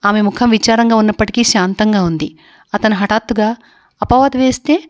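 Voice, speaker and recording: A woman storyteller reading a novel aloud, her narration steady and measured. She carries the story line by line with even care. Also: mid-range voice.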